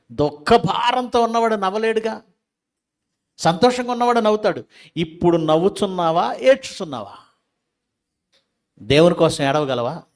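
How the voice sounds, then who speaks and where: A male pastor preaching a sermon, firing rhetorical questions at his listeners and swinging between loud emphatic lines and quiet asides. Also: sits high.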